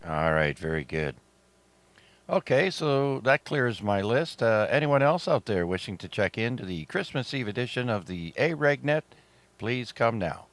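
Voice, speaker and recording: A man's voice: mid-range voice, animated, normal speed, no room sound. A middle-aged man from Canada hosting an amateur radio net, chatting easily with many fillers and a slightly sore throat. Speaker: net control host.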